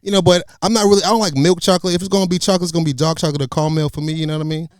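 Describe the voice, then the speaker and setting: A man's voice: fairly high pitch, fairly even intonation, rapid-fire, no room sound, clean studio sound. A man hosting a casual talk show, teasing his guest with slangy, profane banter.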